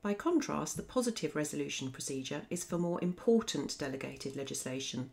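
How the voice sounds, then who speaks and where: A woman narrating a scripted law revision lesson as a voice-over, explaining in a clear, methodical way. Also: low-pitched. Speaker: law teacher.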